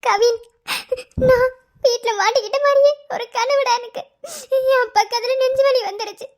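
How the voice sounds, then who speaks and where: A woman voicing a squeaky, tearful young mother-to-be. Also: measured pace. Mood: tearful pleading. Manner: pleading, sobbing through words. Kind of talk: cartoon love story voice acting.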